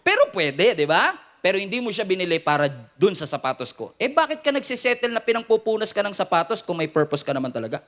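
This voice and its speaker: A male pastor with a Filipino accent, preaching a sermon in an animated, playful way. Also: sits high, fast talker, few pauses. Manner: animated, playful, mixes Tagalog and English.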